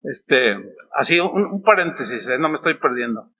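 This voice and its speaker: A man's voice: medium pitch, expressive, normal speed, pushed and bright. A man preaching a sermon at a church meeting, talking conversationally with rhetorical questions and playful asides. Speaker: pastor.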